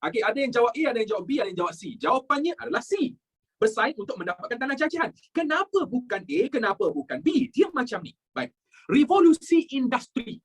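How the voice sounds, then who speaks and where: A Malaysian-accented woman runs a history lesson built around exam practice questions, quizzing her class energetically and mixing English words into her speech. Her voice is fairly high, quick, and a little rough.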